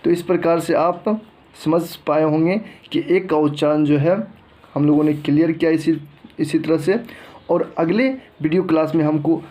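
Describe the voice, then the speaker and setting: Mellow-voiced man teaching word sounds. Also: fairly high pitch, steady tone. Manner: reads word lists slowly, one by one. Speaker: English pronunciation teacher. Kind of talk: explaining a lesson.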